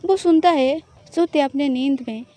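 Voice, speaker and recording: A woman narrating an audio love story in a steady, plain way. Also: high voice, moderate pace.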